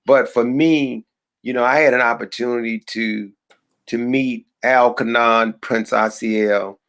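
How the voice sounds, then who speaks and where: A man hosts a podcast in a casual, chatty way. His voice sits at a middling pitch. He asks questions eagerly and keeps the talk moving. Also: fairly even intonation, a little slow, a bit bright. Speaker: podcast host.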